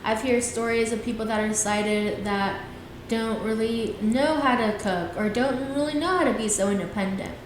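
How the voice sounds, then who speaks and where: A young woman in her twenties hosts a casual solo podcast, speaking at a normal speed with few pauses in a fairly high voice. She comes across as earnest and loosely rambling, often trailing off into fillers like "things like that." The room is very echoey, and a faint hiss runs underneath.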